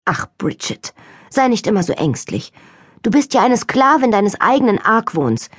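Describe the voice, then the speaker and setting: A woman voicing a gentle but passionate young lady who speaks softly. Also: mid-range voice, big pitch swings, normal speed, slightly rough, no echo, clean studio sound. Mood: gentle, soothing. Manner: soft yet passionate.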